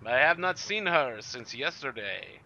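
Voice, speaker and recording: A man's voice: medium pitch, very animated, a little slow, vocal fry, sharp tone, no room sound, muffled recording, voice pushed up, full character voice. A man voicing a pompous, overly courteous sailor dandy with a mustache-twirling villain's theatrical flourish. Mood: concerned.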